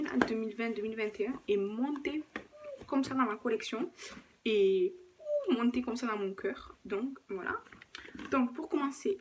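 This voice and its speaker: Woman beauty vlogger, kinda high voice, lots of ums and self-corrections, home tripod cam with hiss. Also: a little mellow. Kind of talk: casual makeup collection review. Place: at home, filming with a camera on a tripod. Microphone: camera mic on a tripod.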